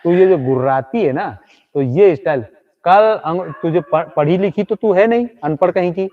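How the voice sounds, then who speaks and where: Guy doing a live ghost-prank stream at night, highish voice, kinda muffled lo-fi sound, keeps ribbing the ghost. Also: moderate pace. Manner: teasing, talks directly to an unseen ghost. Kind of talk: comedic live-stream commentary. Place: outdoors at night.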